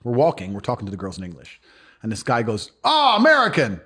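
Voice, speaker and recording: A man's voice: fairly low pitch, breathy edge. A man telling stories in a casual interview, blunt and profane. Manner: fast, animated, profane storytelling. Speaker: guest.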